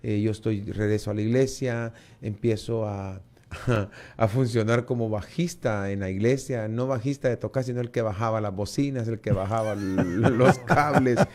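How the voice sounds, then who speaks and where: A man with a Guatemalan Spanish accent giving a lively personal testimony in an interview, acting out the dialogue and often repeating words. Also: fairly low pitch, moderate pace. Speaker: guest.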